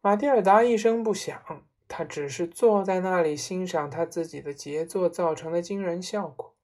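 Husky woman reading a storybook. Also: fairly low pitch, moderate pace, a little mellow. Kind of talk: storybook narration.

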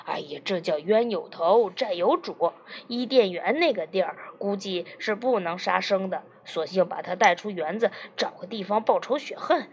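A woman's voice: mid-range voice, moderate pace, hardly any pauses, slight background noise, natural voice. A woman doing a wisecracking cheeky man. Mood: joking. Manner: teasing, folksy and wisecracking. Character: joking, cheeky middle-aged man in therapy. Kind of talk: audiobook character reading.

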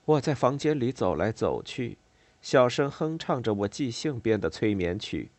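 A man narrating a novel in a measured reading style with expressive, varied intonation. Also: medium pitch, no echo. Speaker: audiobook narrator.

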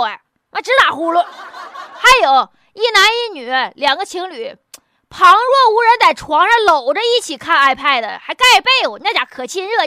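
A woman's voice: sits high, pushed and bright, dry recording, clean studio sound. A woman with a Northeastern Chinese accent giving casual, humorous news commentary in a blunt, mocking, colloquial way full of rhetorical questions. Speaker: host.

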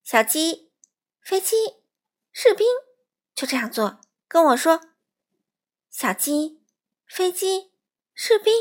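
A woman's voice: very high voice, sing-song, slow, pauses often, voice pushed up, exaggerated voice. A woman voicing a patient mother frog who coaxes and chants in a sing-song way. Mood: coaxing sing-song. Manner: coaxing, sing-song counting.

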